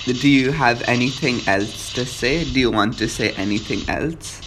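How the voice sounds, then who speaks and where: A man's voice: medium pitch, moderate pace. A man interviewing someone in a casual phone call, speaking in a friendly, reassuring way. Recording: noisy background.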